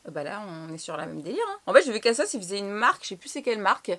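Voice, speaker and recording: A woman's voice: mid-range voice, big pitch swings, rapid-fire, a bit bright. A young woman from France chatting casually through a clothing haul, slangy and swearing now and then. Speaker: fashion vlogger.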